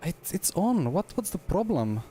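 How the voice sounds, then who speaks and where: His voice is high, sing-song and mellow, at a measured pace. A man with a Slovenian accent live-chats while sim racing, speaking into a wireless headset in short, choppy bursts as though to himself, with game car noise beneath.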